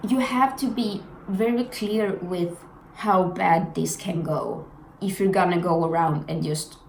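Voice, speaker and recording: A young Swedish woman with a Swedish accent gives frank, blunt and earnest personal commentary in a vlog. Her fairly low voice is a little slow, creaky and a touch mellow. The room is echoey, with faint noise.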